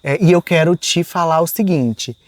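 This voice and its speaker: Soft-spoken man with a higher voice. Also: moderate pace, dry recording. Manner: soft-spoken, often trailing off, fillers like "assim" and "né"; re-enacts his own past words in quoted speech. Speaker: podcast guest. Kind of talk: emotional personal storytelling.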